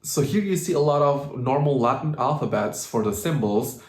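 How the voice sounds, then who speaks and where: A man explaining pronunciation in a video lesson, patiently slowing down to demonstrate words. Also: medium pitch, expressive. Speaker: language teacher. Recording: roomy, echoey room.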